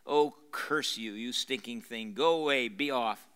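A man reading aloud as a worn-out, loyal male hobbit who speaks bluntly and with scorn. The voice is bright and close to the reader's own. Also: mid-range voice, unhurried, clean tone, lightly acted. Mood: scornful. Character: loyal weary male hobbit servant, angry.

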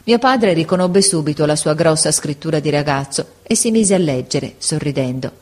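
A woman narrating a classic novel as an audiobook, reading in a measured, unhurried way. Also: low voice, expressive, a little mellow.

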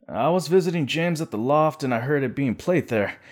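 A man's voice: a little high, lively intonation, brisk, voice pushed up. A man voicing a drowsy, dazed young stoner artist in an audiobook. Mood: spacey. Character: stoned young male artist, slow and spacey. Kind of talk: audiobook character voice.

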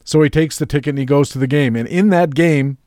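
A man hosting a radio talk show, telling an anecdote in a slow, deliberate way. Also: a little high, darkish tone, no room sound, studio quality. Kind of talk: casual radio chat.

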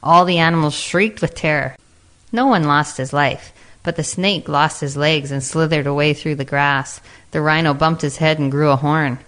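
A woman narrating a children's animal fable in a gentle, expressive storybook manner. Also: sits low, moderate pace.

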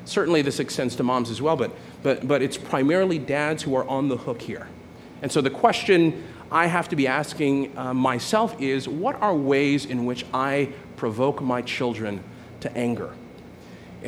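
A man's voice: medium pitch, normal speed, slight background noise. A man in his forties preaching a sermon in a conversational way, often checking in with "right?" and restarting his phrases. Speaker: pastor.

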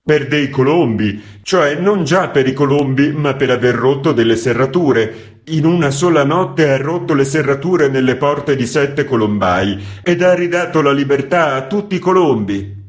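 A man voicing a contrite, talkative male typesetter who rambles and pleads loudly. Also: mid-range voice, lively intonation, normal speed, pitched above the performer's own voice, natural voice. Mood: rambling.

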